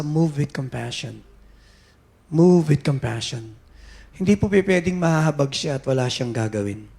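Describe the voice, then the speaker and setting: A man with a Filipino accent preaching a sermon as pastor, switching between Tagalog and English and rising at times to shouts. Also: on the high side, vocal fry, husky. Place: church sanctuary.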